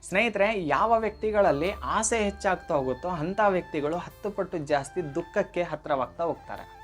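A man's voice: sits high, brisk, fairly bright tone. Earnest man giving a motivational talk. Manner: earnest, direct address to listeners; emphatic, repeats key phrases. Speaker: motivational speaker. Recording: faint background music.

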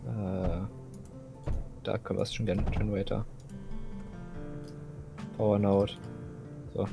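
A man's voice: on the low side, level tone, takes it slowly, vocal fry, over music. A young man playing a video game with a friend, thinking aloud and often repeating words as he searches for them. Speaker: gamer co-playing. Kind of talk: casual gaming chat.

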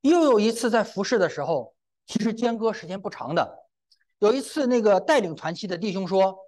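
A middle-aged male preacher giving a testimony-filled sermon, his voice rising and falling with lively, expressive intonation. He keeps breaking in with exclamations and turns to speak straight to the congregation. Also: high voice, a little fast. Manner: exclamatory, often breaks in with "wa", addresses the congregation directly.

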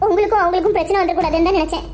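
A woman's voice: very high-pitched, steady tone, rapid-fire, darkish tone. Woman doing tearful young Sakthi. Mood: hurt. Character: young woman, torn and tearful over love. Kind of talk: Tamil cartoon dub.

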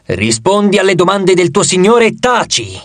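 A man's voice: high voice, big pitch swings, moderate pace, no echo, studio quality, pitched above the performer's own voice. A man voicing a scheming male ghost who hisses and gives orders scornfully. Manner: hissing, insistent, scornful.

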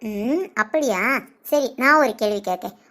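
A cheeky little village girl in a cartoon, voiced by a woman. She talks slowly and teasingly in a very high, childlike voice. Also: animated, fairly bright tone. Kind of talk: cartoon voice acting.

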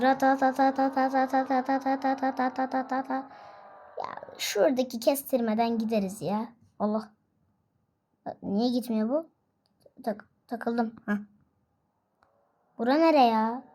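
Excitable high-pitched woman narrating gameplay. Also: takes it slowly, pauses often, slight background noise. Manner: chatty and excitable, frequent exclamations and laughs. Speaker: gaming video host. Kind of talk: casual gameplay commentary.

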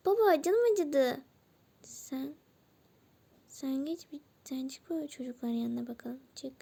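A woman's voice: high voice, animated, normal speed, gravelly, warm tone. A woman host narrating and voicing a doll role-play story. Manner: voices every character herself.

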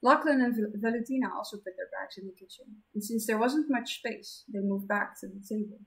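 A woman's voice: medium pitch, fairly quick. A woman reading her own fantasy novel aloud on a live stream, correcting small slips as she goes.

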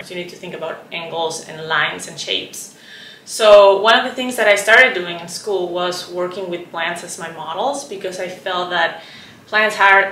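Her fairly low voice comes through a distant mic with a little hiss or hum, echoing around a roomy indoor painting studio. She's a Chilean visual artist in her thirties giving a reflective documentary interview, soft-spoken and thoughtful, with lots of "like" and "um."

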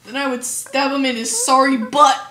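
A woman playing a blunt, deadpan female detective being interviewed in an amateur role-play. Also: high voice. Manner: blunt, deadpan, quick comebacks. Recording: roomy home recording with noise.

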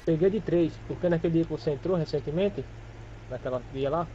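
A man's voice: fairly high pitch, brisk, warm tone, highs cut off, slight background noise. A man roleplaying as a security guard in a game, chatting casually and plainly.

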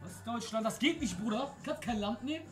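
Man, high voice, very lively pitch, teasing, loud, faint music behind. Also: fast. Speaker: streamer. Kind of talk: casual gaming stream banter.

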